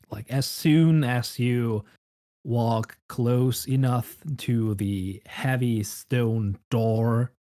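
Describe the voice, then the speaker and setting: A man narrating a tabletop game as game master, unhurried and descriptive. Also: medium pitch, warm tone.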